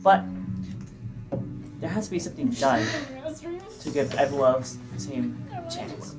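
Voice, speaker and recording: Earnest radical idealist voiced by a man, measured, halting, tabletop game, background music. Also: mid-range voice, lively intonation, natural voice, poor audio. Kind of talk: voicing a character in a tabletop game.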